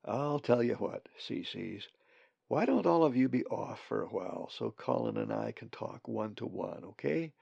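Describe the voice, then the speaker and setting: A man voicing a wise, calm, ancient raven who speaks softly and soothingly. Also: fairly low pitch, moderate pace, creaky, husky, no echo, heavily acted. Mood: gentle. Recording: dull dry lo-fi recording.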